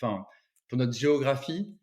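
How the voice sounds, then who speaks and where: A man's voice: medium pitch, animated, normal speed, darkish tone. A man from Brittany, a photographer, talking as an interview guest in a rambling way with many restarts. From Brittany, France. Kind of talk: casual interview chat.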